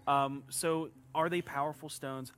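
Bright-voiced man narrating a tabletop game. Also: a little high, fairly even intonation, measured pace. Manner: descriptive, with filler words. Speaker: game master.

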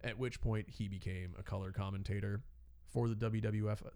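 A man in his thirties chats casually, telling a story with a slightly low voice. He laughs often and drops into put-on voices when he quotes someone. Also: steady tone, brisk, dark tone, clean tone. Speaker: podcast co-host telling a wrestling story. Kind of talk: casual chat.

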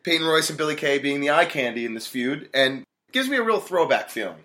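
A man sitting on a casual podcast panel, his voice bright and clear. He shares his opinions thoughtfully, sometimes restarting a phrase as he finds his words. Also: fairly high pitch, animated, a little fast.

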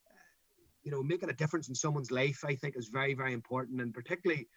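A man's voice: mid-range voice, racing, no echo, lo-fi sound. A middle-aged man with a Northern Irish accent, talking anecdotally in an interview as a coach, emphatic and given to repeating his phrases. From Northern Ireland. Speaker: school football coach.

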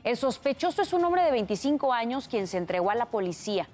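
A woman's voice: fairly high pitch, sing-song, fast, darkish tone, faint music behind. A woman with a Mexican accent reading scripted news as an anchor.

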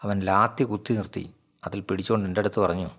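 A man voicing a grieving middle-aged woman giving halting, shaken testimony in a storytelling reading. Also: deep voice, steady tone, fairly bright tone.

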